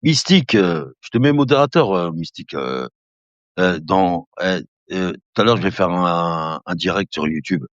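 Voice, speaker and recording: Speaking at a moderate pace, a late-fifties man casually chats on a live stream, addressing viewers as brother and laughing as he rambles. The very low voice comes through dull, lo-fi audio that is dry and close with no room sound.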